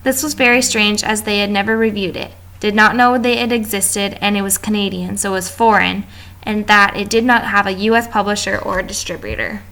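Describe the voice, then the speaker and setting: A woman's voice: medium pitch, steady tone, brisk, pushed and bright. A woman reading a class presentation aloud from notes, with small stumbles and restarts. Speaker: student presenter.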